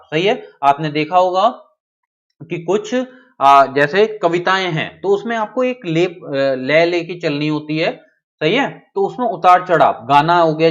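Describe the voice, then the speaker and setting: A man teaching a live online class in a somewhat raised voice. He keeps checking in with his students and reads their names aloud as they reply. The sound is dull and lo-fi. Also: high voice.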